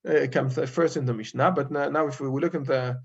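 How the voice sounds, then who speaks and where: A man teaching a Torah class as a rabbi in an informal lecture, halting and searching for his words. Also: mid-range voice, steady tone, husky. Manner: halting, searching for English words with frequent pauses. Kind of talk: informal study-group lecture. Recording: dull lo-fi recording.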